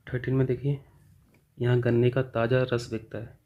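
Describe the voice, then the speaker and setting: A man's voice: mid-range voice, little pitch movement, normal speed, muffled recording. A man teaching grammar, working through exam questions and answering his own questions as he goes. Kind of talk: explaining exam test answers.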